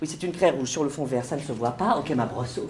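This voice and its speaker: A man's voice: mid-range voice, fast talker, crowd noise, pitched below the performer's own voice, lightly acted. Flustered young female schoolmistress, played by a man, stammering on her first day, stage improv with audience noise, roomy sound. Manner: flustered, stammering, many hesitations.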